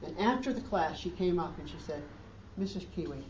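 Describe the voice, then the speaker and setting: A man's voice: on the high side, lively intonation, brisk, dull audio, background noise. A man preaching a sermon as pastor, in an earnest way, with emphatic rising questions, recorded from a distance in a church hall.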